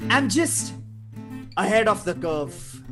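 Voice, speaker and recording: A woman's voice: mid-range voice, very animated, slow, fairly bright tone. A woman playing a gleeful, taunting male criminal madman in a script read, drawling theatrically. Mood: manic glee. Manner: theatrical, drawling, breaking into cackles. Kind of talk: table read of a film script. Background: live guitar music.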